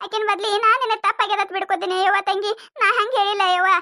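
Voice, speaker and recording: A voice actor doing a shrill nagging village mother-in-law. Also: flat delivery, fast talker, bright, forceful tone, no echo, clean studio sound. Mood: scolding. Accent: North Karnataka. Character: shrewish village mother-in-law, older woman.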